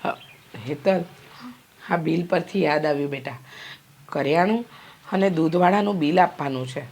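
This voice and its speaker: A woman's voice: low-pitched, normal speed, a little mellow, slight background noise. A middle-aged woman playing a worried mother who scolds and fusses over her daughter in a short film drama. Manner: fretful, nagging, complaining.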